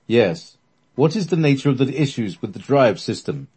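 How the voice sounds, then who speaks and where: An unworldly spirit voice bellows out stern questions and orders, put on by a man. The tone is dark and husky, and the words come in slow, lively swings. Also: medium pitch, voice pushed up.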